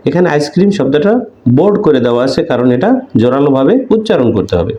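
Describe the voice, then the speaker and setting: Man teaching slowly in an echoey room. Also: medium pitch, animated, mellow. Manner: explains in Bengali, reading English sentences slowly with deliberate stress; hesitant fillers between phrases. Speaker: English teacher. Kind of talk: recorded classroom-style lesson explaining a textbook.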